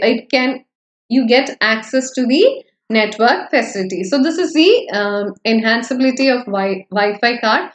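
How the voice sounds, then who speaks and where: A woman's voice: sits high, reverberant. A woman teacher with an Indian English accent, giving an online exam-prep lecture, explaining step by step with many fillers and "okay" checks.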